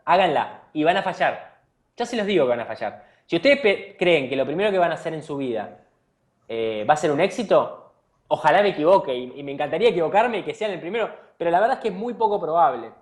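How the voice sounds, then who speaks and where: Speaking quickly and with plenty of animation, an Argentine man with a voice on the high side fields interview questions about his company. As its founder, he shares heartfelt advice in an Argentine Spanish accent, with frequent restarts along the way.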